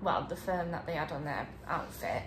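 A woman's voice: low-pitched, lively intonation, moderate pace. A British woman recounting a journey in a casual, conversational way on a travel vlog. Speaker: travel vlogger. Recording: roomy echo, faint background noise.

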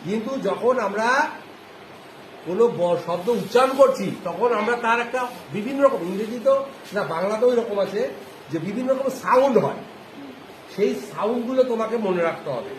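A male primary school teacher giving a phonics lesson to a class, often asking questions and repeating answers slowly. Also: high voice, expressive. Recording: echoey classroom with background noise.

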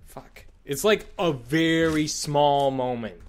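A man's voice: on the high side, expressive, slow, a little hiss or hum. A man giving casual, exasperated, sweary commentary while he plays a horror video game. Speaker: gamer commentating on own play.

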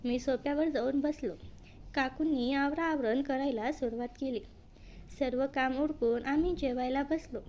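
A woman with a high voice reads a first-person story aloud in a plain, even manner. Faint ambience sits under her narration. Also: moderate pace, slight background noise.

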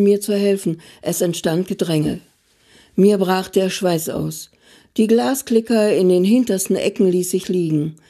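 A woman author giving a calm, measured reading of her own story. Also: medium pitch. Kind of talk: literary reading.

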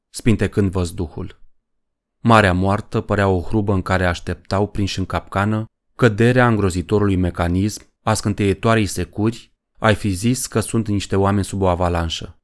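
A man narrating a horror story in a measured, dramatic way. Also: fairly low pitch. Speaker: audiobook narrator.

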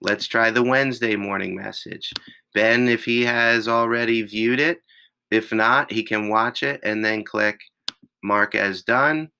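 A male teacher with a raspy voice, patiently walking students through an online classroom step by step. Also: lowish voice, fairly even intonation, pushed and bright, rough recording. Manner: slow, patient step-by-step explaining. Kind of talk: screen-recorded class tutorial.

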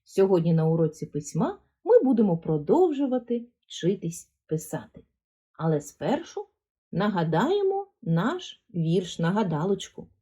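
Slow, patient woman teaching small children. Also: medium pitch, big pitch swings, mellow, slightly rough. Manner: slow, patient, sing-song coaching that stretches words to model stress. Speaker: primary school teacher. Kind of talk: handwriting lesson for first graders.

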